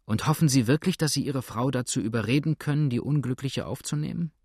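A man's voice: mid-range voice, quick pace, a little mellow, breathy edge, no room sound, studio quality. A man voicing a desperate young boatman. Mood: pleading. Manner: pleading, urgent.

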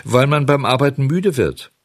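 A man's voice: mid-range voice, animated, moderate pace, no echo, clean studio sound, voice pushed up, close to an everyday voice. A man voicing a stubborn wooden puppet boy who stammers and pleads, in an audiobook reading. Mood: sulky.

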